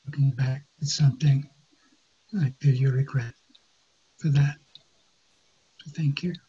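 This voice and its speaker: A man acting as a mediator, calmly paraphrasing what each side says, with many pauses and fillers, on a dull lo-fi recording. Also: fairly high pitch, breathy edge. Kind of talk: guided mediation dialogue.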